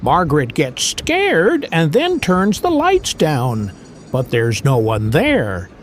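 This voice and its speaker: A man reads a scripted movie recap in a high voice that swoops widely up and down. He takes his time and moves through the plot scene by scene in a plain storytelling manner. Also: huge pitch swings, slow, a little hiss or hum.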